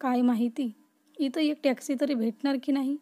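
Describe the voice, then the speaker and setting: A woman's voice: high voice, steady tone, normal speed, dark tone, lightly acted. Woman reading as a spirited young woman. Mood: lively.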